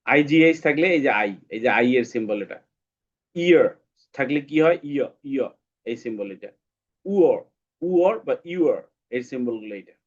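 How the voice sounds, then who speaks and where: A man's voice: medium pitch, animated, fast talker, lo-fi sound. A man teaching English phonics, repeating each sound several times for the class. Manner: drills sounds by repeating them many times. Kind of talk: online phonics lesson.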